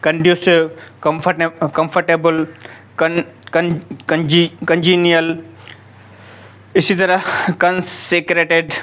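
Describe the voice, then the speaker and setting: A man's voice: fairly high pitch, clean tone, lo-fi sound. Man listing vocabulary in a lesson. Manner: lists words one after another, restarting half-said words. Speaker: English teacher. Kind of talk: classroom lesson at a board. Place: classroom with a board.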